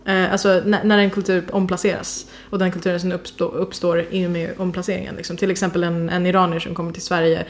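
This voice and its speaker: A woman's voice: on the low side, flat delivery, few pauses, slight background noise. A young woman co-hosting a podcast, speaking thoughtfully and searching for words with many fillers. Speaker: podcast co-host. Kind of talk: casual discussion.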